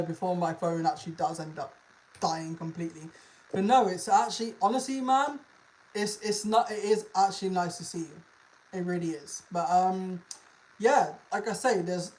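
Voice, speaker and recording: Over a rough recording, a content creator chats casually with a livestream audience at a middling pitch. The talk is informal, heavy on slang and swearing, and phrases come up again and again.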